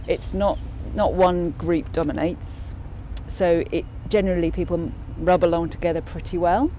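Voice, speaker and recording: Woman, low pitch, mellow tone, faint street noise behind. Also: fairly even intonation, normal speed. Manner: thoughtful, frequent restarts and fillers. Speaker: local councillor. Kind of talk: interview answers.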